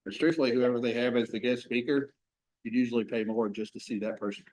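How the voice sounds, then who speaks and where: A man explains details to colleagues in plain, matter-of-fact chat. He talks quickly. His voice sits at a middle pitch. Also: darkish tone, distant mic, poor audio. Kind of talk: casual small talk.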